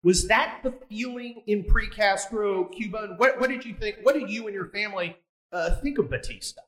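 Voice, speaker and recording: A man's voice: high voice, moderate pace, rough recording. A man hosting a casual sit-down interview, blunt and provocative, rambling with frequent restarts. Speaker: podcast host.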